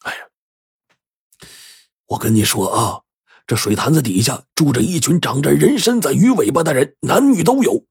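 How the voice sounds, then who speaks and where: A man's voice: a little high, animated, moderate pace, gravelly, pauses often, slightly rough, dry recording, studio quality, pitched above the performer's own voice, exaggerated voice. A man voicing an anxious, simple-minded village man who stammers and pleads earnestly in an audiobook. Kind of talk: audiobook character voice.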